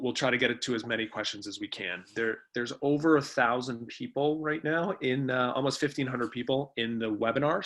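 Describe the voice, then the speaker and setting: A man with a medium-pitched, bright, pushed voice presents a remote webinar informally. He's the webinar's presenter and a co-founder of the company, and he explains things conversationally.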